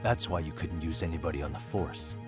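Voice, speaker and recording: Dogged detective for game drama: deep, informal, confrontational; scored with clear background music. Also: male voice, brisk. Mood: accusing. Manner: blunt, challenging, informal. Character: blunt, dogged male detective confronting a shady official. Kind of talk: dubbed video game drama acting. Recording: music behind the voice.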